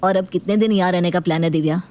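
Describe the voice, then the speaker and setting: A woman voicing a young husband who tries to calm his wife and mother, reasoning with them. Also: lowish voice, rapid-fire, close to an everyday voice. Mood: placating. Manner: placating, reasoning.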